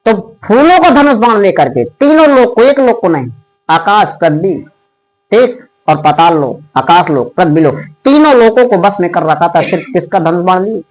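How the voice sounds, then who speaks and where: A male Hindi teacher explaining a poem line by line for an exam, asking his students questions and chanting the verses slowly in a sing-song. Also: sits high, expressive, low-quality recording. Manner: explains line by line, asks students questions, says "ठीक" often. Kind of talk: exam-prep poetry lesson.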